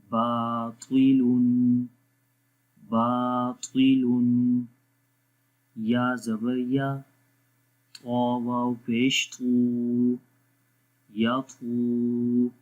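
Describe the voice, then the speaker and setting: Slow, flat-voiced Quran recitation teacher. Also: male voice, medium pitch. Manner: spells out letters slowly, then explains rules quickly. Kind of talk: slow spelling-out lesson. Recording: dull lo-fi sound.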